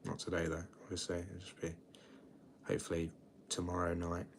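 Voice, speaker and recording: A twenty-year-old man with a British accent, hosting a chatty, low-key late-night livestream and rambling with frequent restarts. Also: completely flat delivery, a little fast, vocal fry, slight background noise. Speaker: livestream host.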